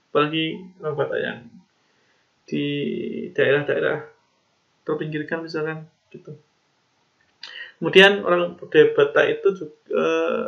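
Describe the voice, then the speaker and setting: A man's voice: fairly high pitch, vocal fry. A man giving a casual lecture, hesitant and full of fillers and restarts. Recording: dull lo-fi recording.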